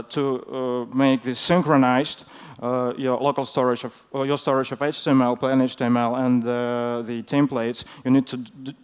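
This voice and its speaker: A man who is a non-native English speaker gives an informal technical talk in a hesitant, halting way, often filling his pauses. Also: medium pitch, darkish tone, clear, resonant tone. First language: not English. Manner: hesitant, halting delivery with frequent fillers. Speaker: conference speaker.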